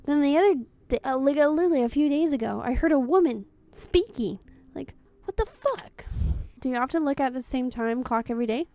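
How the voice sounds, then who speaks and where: A young woman with a high, mellow voice chats casually through a game as a streamer. She talks bluntly and swears freely, moving from one answer to the next. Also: fast talker, few pauses, no echo. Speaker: VTuber streamer. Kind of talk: casual gameplay commentary.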